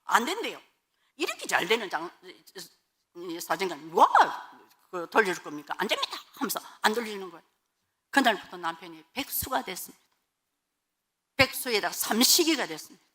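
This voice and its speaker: A woman, a pastor's wife, tells her church testimony as animated storytelling and acts out the dialogue. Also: mid-range voice, moderate pace, pauses often.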